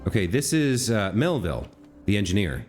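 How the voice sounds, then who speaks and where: A man's voice: lowish voice, big pitch swings, normal speed, soft background music. A man giving casual let's play commentary, musing and thinking aloud as he goes. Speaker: gamer commentator.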